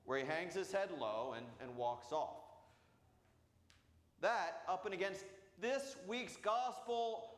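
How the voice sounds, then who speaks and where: A man, a priest, preaching a storytelling sermon in a booming voice. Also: slow, long pauses. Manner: acts out voices in quoted dialogue. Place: church sanctuary. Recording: roomy church reverb.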